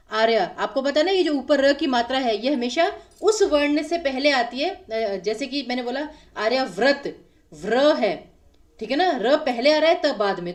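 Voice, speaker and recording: A woman with a Himachali Hindi accent teaches an exam-prep lecture in a high, clear voice. She explains patiently, repeating key words slowly to drive home their spelling and sound. She sits slightly back from the microphone. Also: recorded from a distance.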